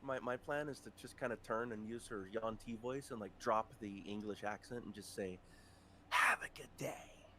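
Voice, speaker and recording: A man playing in a tabletop game, chatting casually, laughing often and getting excited as he plans his character's moves. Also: lowish voice, moderate pace, hardly any pauses, background noise. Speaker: player.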